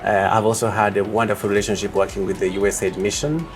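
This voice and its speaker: A man from Uganda answering interview questions as a project leader, speaking in a measured way with many pauses and fillers. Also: on the low side, flat delivery, music in the background.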